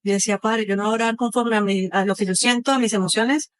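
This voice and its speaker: A woman's voice: medium pitch, fairly even intonation, fast talker, no echo. A young woman, a podcast guest telling her own hard experiences with feeling, acting out what others said. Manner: emotional, retells events with quoted speech and sounds. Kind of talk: personal testimony in a podcast interview.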